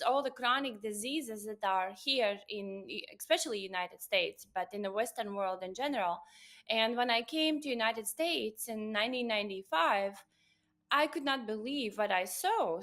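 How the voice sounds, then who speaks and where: A woman's voice: on the high side, a bit bright. A woman in her forties from Latvia with a Latvian accent, a doctor telling her story in an earnest interview. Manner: earnest, storytelling, frequent "uh" and "you know". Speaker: guest, doctor of Oriental medicine. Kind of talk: interview conversation.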